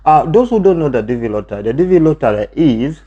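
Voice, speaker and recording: A man's voice: medium pitch, lively intonation, quick pace, dark tone. A man co-hosting a casual chat, talking easily with frequent fillers and prompting his partner. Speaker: channel co-host. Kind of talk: casual chat about visa steps. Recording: dull lo-fi sound.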